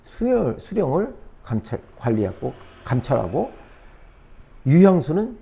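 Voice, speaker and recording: Gravelly-voiced man giving a lively lecture. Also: mid-range voice. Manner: repetitive, lively, thinking aloud with fillers. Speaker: history teacher. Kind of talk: exam review lecture.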